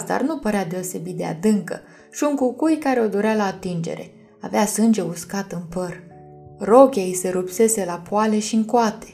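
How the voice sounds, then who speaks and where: A woman narrating a fantasy audiobook in a calm, measured reading. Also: mid-range voice. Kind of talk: scripted storybook narration.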